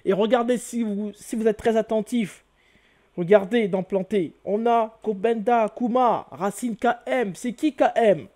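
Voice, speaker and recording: A man's voice: high-pitched, measured pace, dark tone. A man giving a video lesson as host, exclaiming often and repeating his key words, asking the listener questions and answering them himself. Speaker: channel host teaching hieroglyphs.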